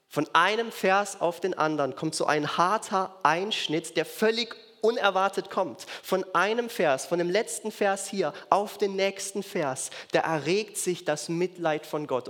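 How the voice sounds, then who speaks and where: Earnest preacher, slightly high voice, reverberant hall. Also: male voice, fairly bright tone. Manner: earnest, repeats key phrases for emphasis. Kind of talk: sermon. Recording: long reverb of a large hall.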